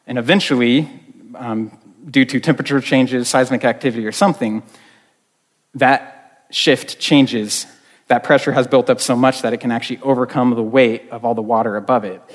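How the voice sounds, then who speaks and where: A man's voice: mid-range voice, steady tone, moderate pace. Male youth pastor, casual storytelling sermon, lots of ums, long hall reverb. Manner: conversational with frequent fillers.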